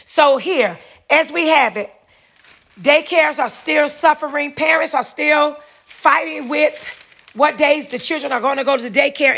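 A high-pitched, somewhat bright female voice: she hosts a solo podcast, reading a news piece aloud and then wandering through casual remarks, repeating herself and fixing her wording along the way.

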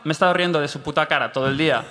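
A man telling a rambling funny story on a live comedy podcast, acting out his own thoughts as he goes. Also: a little high. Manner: fast, animated storytelling with quoted asides. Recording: live venue with long reverb.

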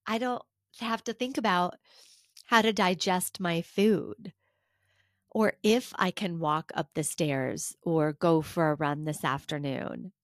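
A woman's voice: on the low side, dry recording, clean studio sound. A woman hosting a solo podcast, talking earnestly and encouragingly and asking her listeners questions. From United States. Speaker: podcast host. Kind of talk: reflective solo podcast talk.

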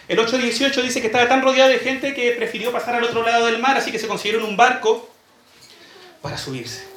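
A pastor preaching a sermon, telling a story and asking the congregation rhetorical questions. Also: male voice, sits high, a bit bright, echoey room, slight background noise.

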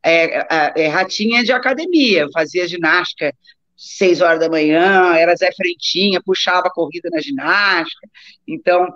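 A woman's voice: fairly low pitch, moderate pace, fairly bright tone. A middle-aged woman from Brazil chatting informally about her life, digressing and repeating words for emphasis. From Brazil, born in Rio, raised in Taubaté. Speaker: interview guest, doctor and amateur athlete. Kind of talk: casual autobiographical chat. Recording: echoey room, dull lo-fi live-stream audio.

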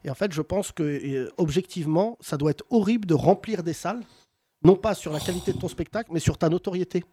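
A man's voice: high-pitched, a little fast, warm tone, a little hiss or hum. A man hosting with casual, teasing banter, often laughing as he needles his guests. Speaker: show host.

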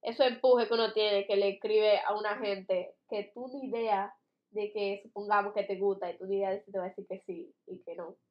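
Lively young woman in roomy echo. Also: medium pitch, brisk, lo-fi sound. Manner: animated, laughs while acting out quotes. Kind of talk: casual chat.

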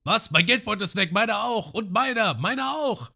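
A man voicing a crowd of cartoon villagers who shout in a shrill falsetto, robbed but grateful. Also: animated, normal speed, creaky, full character voice. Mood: shrill, outraged.

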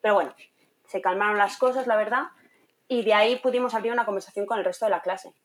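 Lively young woman telling a story. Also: medium pitch, fast talker. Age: young adult. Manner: animated, acts out quoted voices, laughs often. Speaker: guest, content creator and trainee teacher. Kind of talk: casual interview storytelling.

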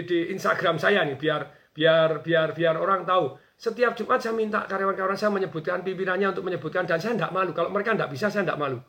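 A man talking on a radio show as a business coach, energetic and acting out quoted bosses and workers. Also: sits high. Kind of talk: animated radio talk.

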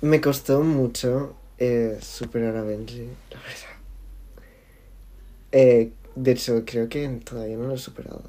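A young man being interviewed in casual conversation, talking haltingly with many fillers and restarts. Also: mid-range voice, fairly even intonation, dark tone. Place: lives in Barcelona.

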